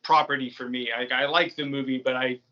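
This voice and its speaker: A podcast creator from New England, here an interview guest, chats in an easygoing, rambling way. His mid-range voice is bright and forceful, a little fast with little pitch movement, and the recording's highs are cut off.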